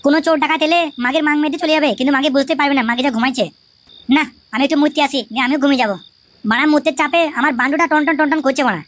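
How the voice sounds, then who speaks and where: A woman's voice: high voice, very fast, close to an everyday voice. A woman voicing a hot-tempered young son-in-law in a comic skit, grumbling and swearing.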